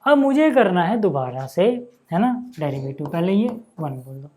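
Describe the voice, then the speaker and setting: This man's voice is a little high and dark-toned, with a sing-song lilt at a moderate pace. Walking through math step by step, he chats casually, addresses students as "भैया" and "भाई", and often checks understanding with "है ना" and "यार".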